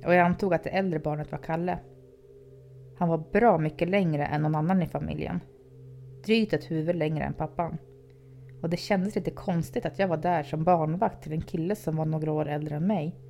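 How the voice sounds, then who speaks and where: Female storyteller, low dark voice, calm reading, faint music bed. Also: gravelly, a little hiss or hum. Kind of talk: podcast horror story narration.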